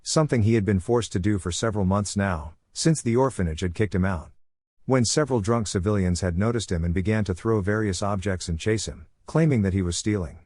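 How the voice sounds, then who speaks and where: A man reading a fan-written story aloud in a steady, even narration. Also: lowish voice, brisk, dry recording, studio quality.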